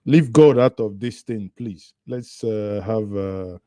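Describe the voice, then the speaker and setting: A man's voice: fairly low pitch, takes it slowly, mellow, no room sound, clean studio sound. A man commenting on a news clip, sarcastic and mocking in a chatty way.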